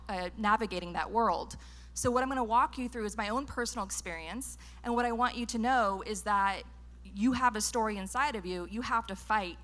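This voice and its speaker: A woman from Northern California, USA, with an American accent gives an earnest conference talk at a lecture venue, holding a handheld microphone. Her voice is medium-pitched and fairly bright, and she often says "um" and restarts her sentences.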